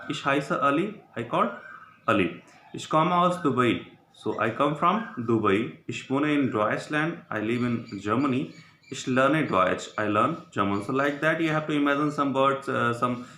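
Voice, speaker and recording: A man teaching German in English, explaining slowly with frequent pauses and fillers. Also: medium pitch, pushed and bright. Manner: slow, halting explanations with many fillers, mixing in Hindi. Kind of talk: recorded language lesson. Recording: echoey room with faint background noise.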